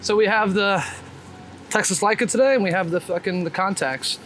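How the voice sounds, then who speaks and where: This guest, a street photographer and ex-BMX vlogger, talks in a high, fairly bright voice at a fairly quick clip as he walks through the city. His chat is candid, casual, slangy and sweary. Faint music plays behind him, and the noisy street recording carries clear traffic and street sounds.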